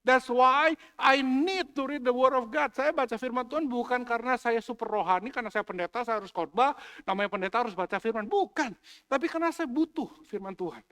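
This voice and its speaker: A man with a high voice preaches to his church. His delivery is playful and joking, and he drops English phrases into the sermon. The sound has a long reverb from the church hall. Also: fairly quick, sharp tone, clean tone. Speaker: pastor.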